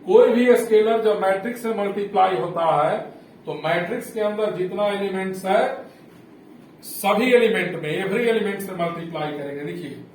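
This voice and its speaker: A man teaching a maths lesson, explaining each step slowly and repeating key points with rhetorical questions. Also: high voice, darkish tone. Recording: echoey room, heard from a distance, faint hum.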